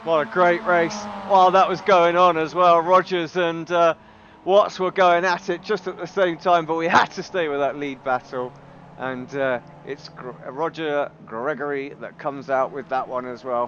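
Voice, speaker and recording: A man's voice: a little high, flat delivery, moderate pace, a bit bright. A man giving casual race analysis as a co-commentator. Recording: dull lo-fi audio with engine noise.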